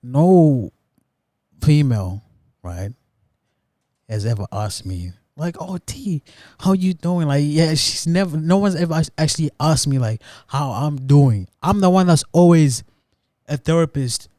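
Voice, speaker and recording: A man's voice: fairly high pitch, measured pace, dark tone, no echo, studio quality. A young man from Africa co-hosting a casual chat, talking in slangy, profane rambles. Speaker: podcast co-host.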